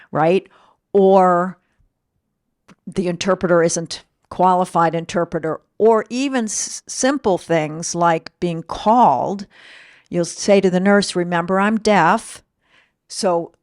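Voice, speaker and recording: A woman's voice: low-pitched, dry recording, clean studio sound. A woman co-presenter speaking in an earnest, explanatory way during a presentation. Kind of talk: presentation talk.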